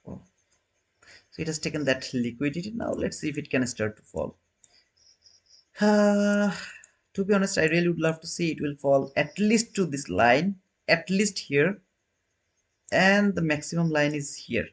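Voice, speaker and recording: A man in his thirties casually hosts a trading livestream, talking with viewers and responding to their comments. His fairly high voice has lively intonation and a moderate pace broken by long pauses. His phrasing is loose and non-native, with frequent restarts.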